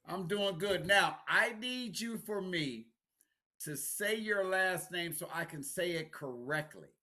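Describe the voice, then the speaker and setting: Male sports talk host, slightly high voice, excitable, stammers into repeats, laughs a lot. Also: slow pace.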